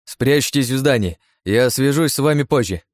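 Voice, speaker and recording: A man voicing a spoiled, petty young man in an audiobook, shrill and whiny. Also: animated, moderate pace, no room sound, studio quality, natural voice.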